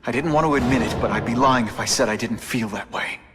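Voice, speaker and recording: An actor voices a young male superhero in a video game, earnest and reproving with dry wisecracks. His medium-pitched voice is fast and lightly acted, with a noisy background.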